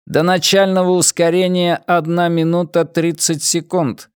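A man reading an audiobook voices a starship computer, with a metallic, flat and clipped delivery. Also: a little high, measured pace, clean tone, no room sound, clean studio sound, voice pushed up, lightly acted. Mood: announcing.

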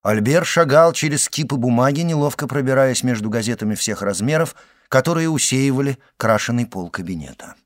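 A man narrating a classic novel as an audiobook, measured and expressive. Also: medium pitch, no room sound, clean studio sound.

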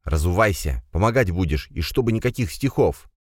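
A man's voice: deep voice, animated, fairly quick, no room sound, clean studio sound. A man voicing a sullen, irritable young man of nineteen.

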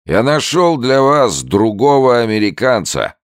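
A man's voice: mid-range voice, sing-song, unhurried, clean tone, dry recording, clean studio sound, pitched above the performer's own voice. A man voicing a drunk, boisterous old French bargeman in an audiobook, slurring and bellowing. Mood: drunk boasting.

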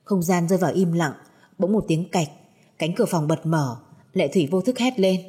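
A woman narrating a spoken audio story in an even storytelling delivery. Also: on the low side, normal speed, slightly rough.

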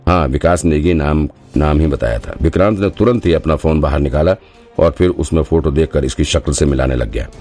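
Narrating a thriller audiobook, a man with a warm, rumbling low voice moves fairly quickly through the scripted text. He tells it dramatically and voices every character himself, with faint music behind him.

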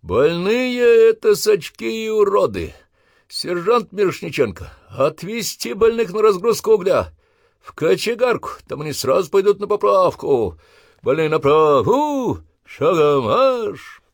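Man voicing a harsh army drill sergeant, high strained shouting voice, loud, scornful barked orders. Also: sing-song, unhurried, no room sound, studio quality, heavily acted. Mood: gruff, scornful. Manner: barking commands, crude and scornful. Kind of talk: audiobook character voice.

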